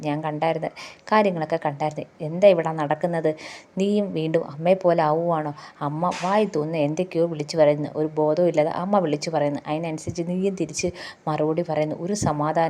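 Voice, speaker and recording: A woman with a Malayali accent quickly recaps a TV serial episode, voicing each character's lines herself. Her voice sits low and sounds warm.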